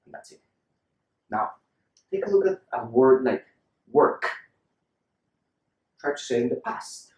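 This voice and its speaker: A man's voice: medium pitch, animated, unhurried, pauses often, darkish tone, reverberant. A man teaching English pronunciation in a patient lesson style, repeating example words for the learner to copy.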